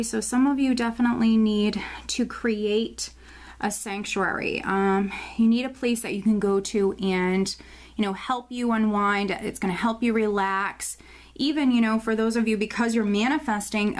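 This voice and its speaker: Breathless woman reading tarot, high voice. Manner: rambling, with frequent fillers and restarts. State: often out of breath. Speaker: tarot reader. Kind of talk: casual monthly tarot forecast.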